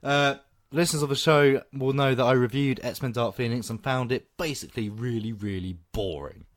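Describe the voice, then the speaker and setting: A man co-hosting a podcast, giving opinionated, animated takes in casual film chat. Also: mid-range voice, moderate pace. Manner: opinionated, animated, laughs often. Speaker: podcast co-host.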